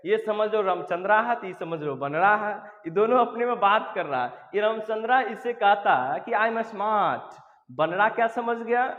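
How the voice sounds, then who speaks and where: A man's voice: high-pitched, long reverb tail, phone-quality sound. A man teaching an English grammar lesson, drilling points again and again and calling his students dear ones. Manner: repetitive, drilling reminders to remember; affectionate address to students. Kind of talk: classroom lesson explanation.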